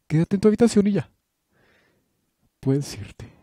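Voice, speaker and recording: A man voicing a stern elderly headmistress who scolds in a shrill, shouting falsetto, in an amateur fan dub. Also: husky, no echo, clean studio sound. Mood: scolding. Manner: scolding, shouting high and fast.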